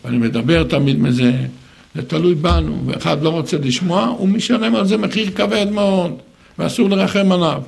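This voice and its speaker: An older man giving an animated sermon, acting out other people's words in raised voices. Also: a little high, vocal fry, slightly rough.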